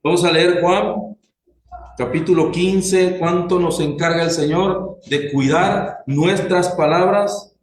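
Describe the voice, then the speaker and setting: A man preaching a sermon slowly and deliberately, putting questions to his congregation. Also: sits high, fairly even intonation, roomy sound, slight background noise, poor audio.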